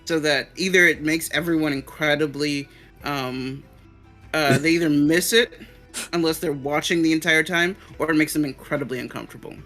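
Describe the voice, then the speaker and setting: A man with a bright, slightly high voice narrating a tabletop game as its game master. He describes characters' actions in an easygoing way, with fillers. Faint music sits behind him. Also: steady tone, normal speed.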